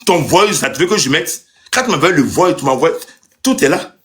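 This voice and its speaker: A man delivers a heated, accusing rant on a live stream. His fairly high voice swings up and down as he piles on insults. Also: expressive, normal speed, a bit bright. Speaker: landlord ranting on a live stream. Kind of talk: angry live monologue.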